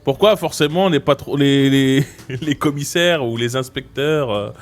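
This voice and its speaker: A man's voice: mid-range voice, measured pace, soft background music. A man with a Marseille accent giving casual, joking commentary as a streamer playing a game. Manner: joking, laughs often.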